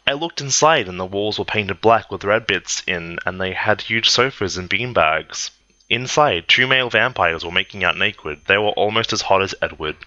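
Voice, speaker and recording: A man giving a comedic dramatic reading, narrating in a deadpan, mock-earnest tone. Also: lowish voice, no echo, muffled recording. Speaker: reader.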